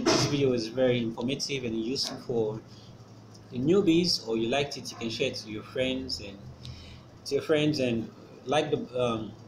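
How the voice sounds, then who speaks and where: A man at a middle pitch walks through a casual screen-recorded tutorial, pausing often with fillers and restarting his sentences. Clear background noise hangs under his voice throughout. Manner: hesitant, with many fillers and restarts. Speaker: channel host explaining trading. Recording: noisy background ambience.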